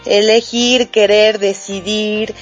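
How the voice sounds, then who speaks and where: A woman speaking as a guest on a talk panel, explaining her ideas in a measured, thoughtful way. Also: medium pitch, level tone, highs cut off, soft background music.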